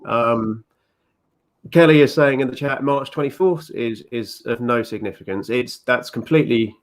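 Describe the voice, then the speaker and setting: A man's voice: mid-range voice, moderate pace. A man chatting as a guest on a show, with many ums and restarts as he explains his plans. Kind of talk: casual chat.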